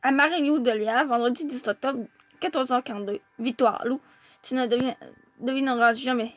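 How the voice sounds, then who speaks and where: A woman with a Québécois accent, reading a novel aloud in a lively first-person narration. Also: high-pitched, moderate pace, faint music behind.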